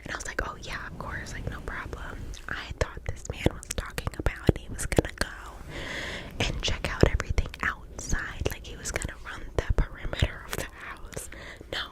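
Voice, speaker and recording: A woman hosting ASMR, telling casual stories in a breathy, unvoiced whisper close to the mic in a chatty, rambling way. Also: moderate pace, low-quality recording. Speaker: ASMR host. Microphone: close-up mic with fluffy cover.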